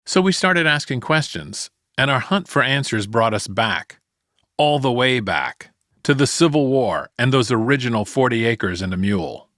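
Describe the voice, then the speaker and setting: A man's voice: mid-range voice, animated, normal speed, fairly bright tone, no echo. A man hosting a podcast, delivering scripted documentary narration.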